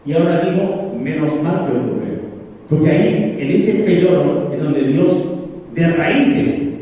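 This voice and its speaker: Priest giving a sermon, kinda high voice but dark and mellow, slow heavy pauses, echoey big hall. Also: male voice, animated, recorded from a distance. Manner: earnest preaching with slow emphatic pauses. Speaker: priest leading a retreat.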